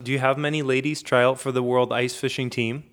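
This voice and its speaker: A man's voice: medium pitch, level tone, a little fast. A man asking questions and responding conversationally as an interviewer.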